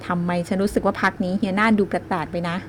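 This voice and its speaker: A woman's voice: mid-range voice, little pitch movement, quick pace, a little hiss or hum. Woman narrating a romance audiobook. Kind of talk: first-person novel narration.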